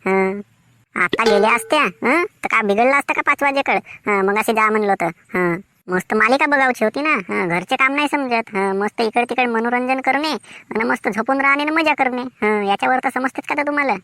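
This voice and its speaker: A woman's voice: a little high, fairly quick, sharp tone, no room sound. A woman voicing a nagging village wife in a Varhadi Marathi accent, talking in a scolding, complaining way. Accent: Vidarbha Marathi (Varhadi). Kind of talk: cartoon voice acting.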